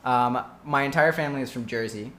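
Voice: medium pitch, fairly quick, a bit bright, slight background noise. A podcast co-host who grew up in the greater Boston area, joking and swearing in casual chat. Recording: echoey room.

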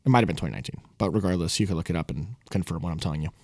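A man's voice: deep voice, rapid-fire, a little mellow, breathy edge, dry recording, clean studio sound. A young man co-hosting a podcast, telling a story casually with laughs and loose asides. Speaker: podcast host. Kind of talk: casual chat.

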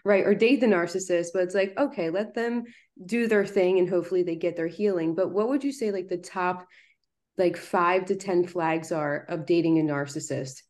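Woman host, kinda low voice, casual, lots of like. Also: normal speed, a little mellow. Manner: casual, repeats words, many "like" fillers. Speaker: podcast host. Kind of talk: casual chat.

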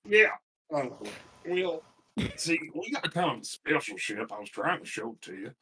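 A man's voice: on the high side, sing-song, moderate pace, creaky, background noise. A man playing a tabletop game, talking in a joking, offhand and rambling way. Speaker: player. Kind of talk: casual tabletop role-play.

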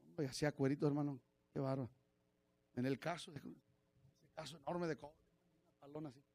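A man, preaching a sermon as pastor, swinging from shouted preaching to low confiding asides. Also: steady tone, fairly quick.

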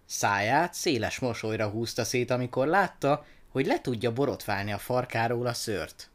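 Man, storybook narrator, lively up-and-down pitch, expressive reading.

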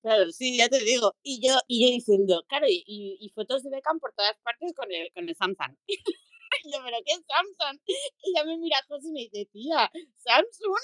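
A woman from Spain tells stories in a casual online chat, laughing as she goes and acting out what people said. Her voice sits fairly high. The sound is dry, with no room echo. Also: expressive, normal speed, a bit bright. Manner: laughing storyteller, acts out dialogue. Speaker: guest. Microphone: online audio room.

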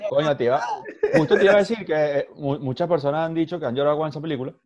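A Venezuelan man in a casual chat, telling joking anecdotes in a relaxed way. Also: fairly high pitch, racing, muffled recording, a crowd in the background.

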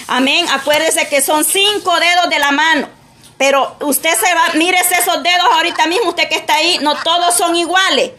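Woman preacher, high bright voice, earnest, sprinkles amens. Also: normal speed. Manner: earnest, repeats "amén" often. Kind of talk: sermon.

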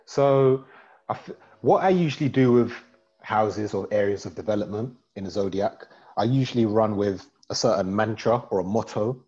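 Host: guy, very low voice, laid-back and jokey, on a dull lo-fi video call. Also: warm tone. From East London. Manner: joking, laid-back, rambling. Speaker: podcast host. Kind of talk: casual chat about astrology.

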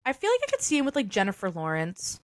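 A woman talks fast in a mid-range voice whose pitch swoops wildly, captured in a dry recording. Co-hosting a casual chat podcast, she is playful and teasing, often bursting out in loud disbelief.

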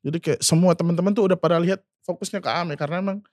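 A man in his twenties tells a painful memory in a slightly high, wavering voice, stopping often on fillers. The sound is dry and close. He speaks of himself by name as he goes. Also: racing, a little mellow, no room sound. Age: 20s. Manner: emotional, refers to himself by name, many fillers. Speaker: singer guest. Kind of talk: personal storytelling.

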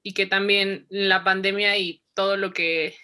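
A woman's voice: mid-range voice, flat delivery, unhurried, bright, forceful tone. A woman, reflecting in a casual interview, who repeats herself and laughs often. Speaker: interview guest.

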